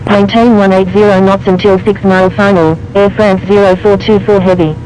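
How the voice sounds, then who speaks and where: A man acting as pilot, reading back air traffic clearances over a cockpit headset radio in clipped, formulaic phraseology. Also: sits high, level tone, normal speed, over loud music, rough recording.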